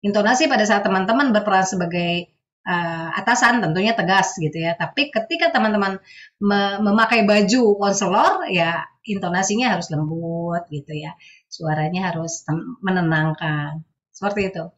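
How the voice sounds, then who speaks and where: A woman giving a webinar talk as a guest speaker on counseling. She explains patiently and often adds soft tag phrases at the ends of her sentences. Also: medium pitch, moderate pace, muffled recording.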